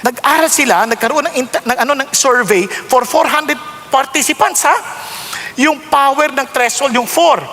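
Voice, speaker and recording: A middle-aged man with a Filipino accent preaching an animated sermon in Tagalog mixed with English, his voice leaping up for emphasis. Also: extremely high pitch, moderate pace. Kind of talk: Taglish sermon.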